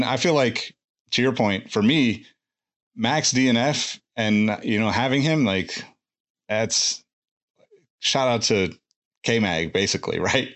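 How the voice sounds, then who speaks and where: A man's voice: on the low side, fairly bright tone. A man co-hosting a podcast in casual chat, rambling with many restarts and fillers. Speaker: podcast co-host.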